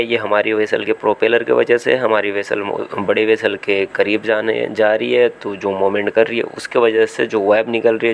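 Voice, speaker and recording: A seafarer vlogger with an Indian Hindi accent talks casually over phone-camera footage shot on a small vessel at sea. His voice is lowish and creaky, with a little hiss or hum, and he thinks aloud, restarting and using fillers.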